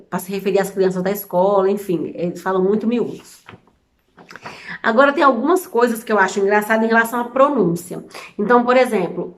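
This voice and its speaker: A Brazilian woman in her thirties with a Brazilian Portuguese accent, chatting casually to camera as a vlogger, amused and full of examples. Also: on the high side. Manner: chatty, amused, explains with many examples and restarts. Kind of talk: casual explainer chat to camera.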